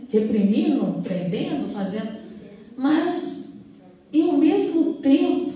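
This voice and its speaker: A woman's voice: fairly high pitch, mellow. A middle-aged woman with a Minas Gerais accent, a police chief speaking earnestly on a panel and often stopping to restart her sentences. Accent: Minas Gerais Portuguese. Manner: earnest, halting, with many restarts. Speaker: police chief at a women's police station. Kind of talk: panel talk, recounting a case. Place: event hall. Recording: very echoey hall, mic far off.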